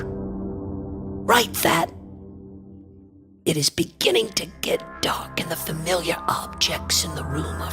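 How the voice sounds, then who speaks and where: Entranced and whispering, a male actor voices an imperious antiquarian obsessed with a mystical drug in theatrical radio horror. His slightly high voice is breathy and husky, and his diction is formal, deliberate and grandiose, often dropping toward a whisper.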